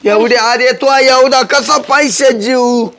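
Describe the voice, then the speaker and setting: A man's voice: very high voice, fairly even intonation, slow pace, fairly bright tone, full character voice. Man playing an easygoing village husband. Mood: bantering. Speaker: husband in a comedy skit. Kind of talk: comic domestic banter.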